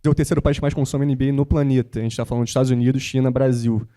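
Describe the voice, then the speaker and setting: Born in the United States and raised in Rio de Janeiro, a young basketball content creator speaks as a guest in an on-stage panel, animated and motivational, peppering his talk with slang like "cara" and "pô." His voice is mellow and dark, medium in pitch, and very fast.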